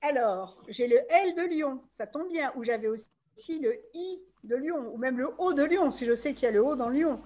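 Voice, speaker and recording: Woman, high pitch, webinar presenter, step-by-step rule demo, video call. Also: darkish tone, muffled recording. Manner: walks through game rules step by step. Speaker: game presenter. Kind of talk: online webinar demonstration.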